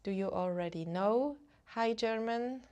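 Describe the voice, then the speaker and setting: A woman's voice: fairly high pitch, a little mellow, highs cut off. A woman from Switzerland who teaches Swiss German, chatting casually with live-stream viewers and greeting them one by one. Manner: greets chat viewers, slow and unhurried, switches between English and German.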